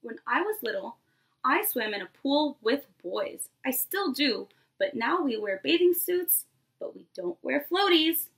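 A high-pitched, slightly bright voice with vocal fry belongs to a preschool teacher in her twenties, reading aloud to young children in a small indoor bedroom. Very animated yet a little slow, she speaks to them directly throughout.

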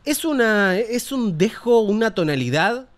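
A man's voice: sits high, sing-song, a little slow. A man with an Argentine Spanish accent hosting a casual news commentary show, opinionated and profane. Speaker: show host.

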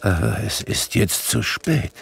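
A man's voice: lowish voice, expressive, a little slow, gravelly, a bit bright, slight background noise, heavily acted. A man voicing a frightened, remorseful old miser who talks in hesitant, stumbling pleas. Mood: regretful.

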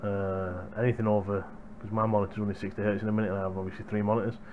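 This young adult man's voice is on the low side and a little mellow, with a level tone and a racing pace. Chatting casually to viewers as a hardware reviewer, he records on a gaming headset boom microphone indoors in a small home room, picking up a little hiss or hum.

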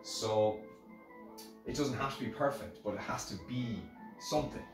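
This middle-aged Irish instrument maker delivers a rambling, casual motivational talk to camera about lessons learnt, often repeating phrases for emphasis. His voice is mid-range and his pace normal. The camera sits a few metres away in a hard-surfaced indoor workshop, leaving the sound very echoey, and music is audible.

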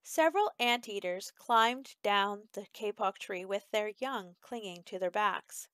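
A woman teacher reading a picture book aloud for her class, expressive and measured. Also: mid-range voice, no echo. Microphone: close home recording.

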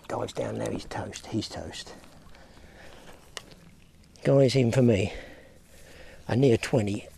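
A man's voice: lowish voice, vocal fry, a little mellow, slight background noise. A man vlogging outdoors by a lake, chatting straight to his viewers as he fishes. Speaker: fishing vlogger. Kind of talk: casual outdoor commentary.

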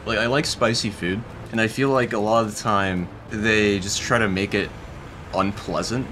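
A man's voice: on the low side, fairly even intonation, normal speed, fairly bright tone, a little hiss or hum. A young man giving casual, dry and wry commentary over his own gameplay, laughing now and then. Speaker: gaming YouTuber.

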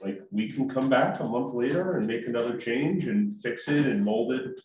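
A man, a council member, speaking in a relaxed, joking way during a meeting discussion. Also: medium pitch, normal speed, muffled recording, a little hiss or hum. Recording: echoey room, distant mic.

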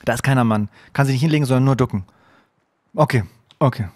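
A man streaming a game live, chatting to viewers and breaking into excited shouts, dropping to a hushed mutter when he sneaks. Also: mid-range voice, fast talker, no room sound. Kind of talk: live gameplay commentary. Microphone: desk microphone.

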